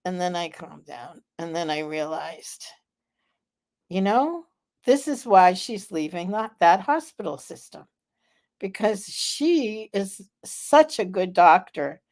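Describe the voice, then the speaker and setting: A woman in her seventies hosting a live vlog, telling a story in a slow, chatty way with many fillers. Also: fairly low pitch, very animated, darkish tone. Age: 70s. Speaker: vlog host. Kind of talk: casual live vlog chat.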